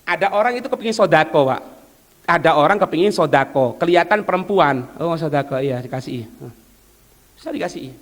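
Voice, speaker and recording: A man's voice: a little high, animated, a little fast, fairly bright tone. A man with an East Javanese accent preaching a religious lecture, asking rhetorical questions and answering them himself, moving between formal speech and local talk. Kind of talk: religious lecture mixing stories and teaching. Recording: long hall reverb.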